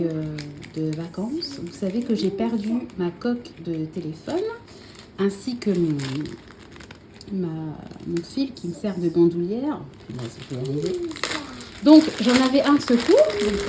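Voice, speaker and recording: A woman's voice: medium pitch, noisy background. A woman chatting casually to camera as a vlogger, showing her purchases at home, full of fillers and self-corrections.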